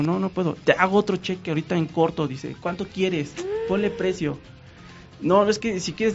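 Animated Mexican man telling a story. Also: high-pitched, dull audio. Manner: animated, acts out quoted dialogue. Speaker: guest painter. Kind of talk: casual storytelling.

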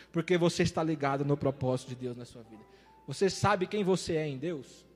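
High-voiced impassioned preacher in a hall. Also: male voice. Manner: impassioned, repeats phrases, swings between loud and soft. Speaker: evangelist preacher. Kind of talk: sermon.

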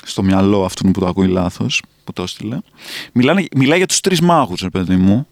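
A man's voice: low voice, lively intonation, creaky, no echo. A man hosting a comedy quiz podcast in a studio, teasing his guests and chuckling as he talks. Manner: playful, chuckling quizmaster. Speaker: quiz host. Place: recording studio.

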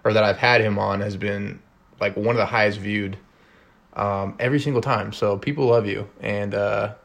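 A man hosting a casual conversation, talking in a relaxed way with lots of fillers. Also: lowish voice, moderate pace, gravelly. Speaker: host. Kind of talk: casual chat.

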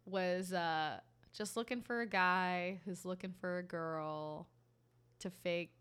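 A woman's voice: on the low side, fairly even intonation, slow pace, fairly bright tone, clear, resonant tone. An American woman co-hosting a podcast in casual conversation, with a self-deprecating, joking manner. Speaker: podcast co-host. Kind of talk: casual chat.

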